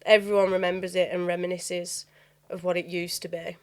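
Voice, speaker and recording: A woman's voice: lowish voice, little pitch movement, fairly quick. A young woman with a Birmingham accent chatting as an interview guest, rambling through stories with lots of "sort of" and "like". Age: young adult. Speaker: bar owner, interview guest. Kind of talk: storytelling interview chat.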